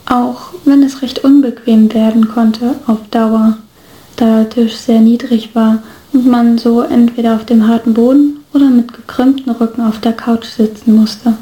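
A woman's voice: fairly high pitch, little pitch movement, a little slow, mellow. Woman reading a story aloud in an echoey room. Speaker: reader.

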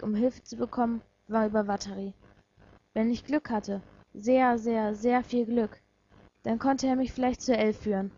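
A woman narrating a first-person story in a measured, reflective way, her voice husky and mellow yet fairly high. The sound is dull and lo-fi, as from a simple home microphone. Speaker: reader of a fan story.

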